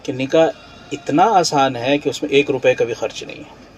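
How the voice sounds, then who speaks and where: A man's voice: mid-range voice, a little hiss or hum. Male religious scholar explaining on radio. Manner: patient, explains rulings step by step with everyday examples. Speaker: Islamic scholar guest.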